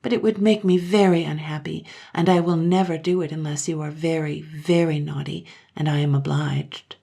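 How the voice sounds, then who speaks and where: A woman voicing a gentle, sorrowful young mother who speaks softly to her children. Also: sits low, fairly even intonation, moderate pace, creaky. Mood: tender. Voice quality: soft, tender.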